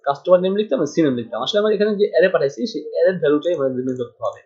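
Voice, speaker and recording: A programming tutor from Bangladesh thinks aloud as he types in a screen-recorded coding tutorial, mixing in English terms. His voice is on the high side, darkish, expressive and very fast, captured with dull lo-fi sound.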